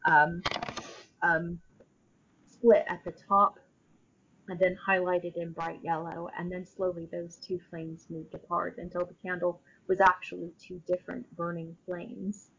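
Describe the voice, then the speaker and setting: A woman speaking as an interview guest, explaining her own practice casually in halting, thoughtful phrases. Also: lowish voice, level tone, vocal fry, fairly bright tone, highs cut off, slight background noise.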